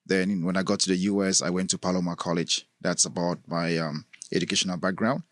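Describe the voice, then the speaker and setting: Here the same kind of speaker, a middle-aged man from Cameroon, talks a little fast in a low-pitched voice with his Cameroonian accent. The clean studio sound has no room tone, and he laughs often while relaxedly telling stories as a guest in a casual podcast interview.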